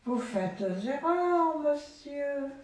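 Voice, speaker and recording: A woman voicing a boastful young male wolf posing as a superhero, speaking slowly and solemnly, heard from far off in a very echoey room. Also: high voice, lively intonation, darkish tone, voice pushed up, heavily acted. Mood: pompous.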